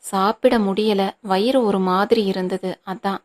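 Audiobook mother, weary and gentle, read by a woman, flat delivery. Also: medium pitch, measured pace, close to an everyday voice. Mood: reassuring. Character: worried, tender mother reassuring her son.

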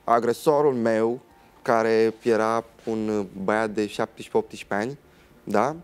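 A man's voice: lowish voice, fairly even intonation, clean tone, faint music behind. A young man, a guest on a TV talk show, telling a personal story in a dramatic way and acting out what other people said.

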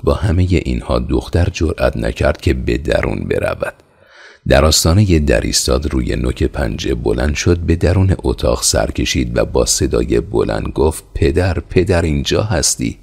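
A man narrating an audiobook in a steady, measured way. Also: a bass voice, creaky, slightly rough.

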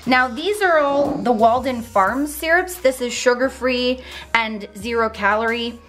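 A woman in her thirties chatting while she cooks breakfast in her home kitchen, upbeat and casual. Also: high voice. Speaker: vlogger sharing meal prep. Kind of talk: casual cooking vlog. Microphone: handheld camera held close.

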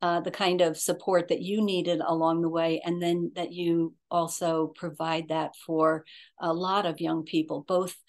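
A woman hosts an interview over a video call. She speaks slowly and in a measured, appreciative way, with a fairly low voice. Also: flat delivery. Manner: measured and appreciative, many fillers. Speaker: host.

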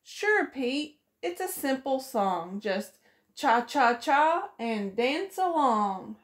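A preschool teacher reads a picture book aloud in a small indoor room, her high voice moving slowly. She delivers it in a sing-song storybook style, giving the characters lively voices.

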